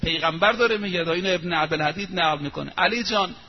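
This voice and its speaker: A man preaching a sermon, telling a story emphatically and drawing out quoted phrases slowly. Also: a little high. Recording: muffled lo-fi recording, faint hiss.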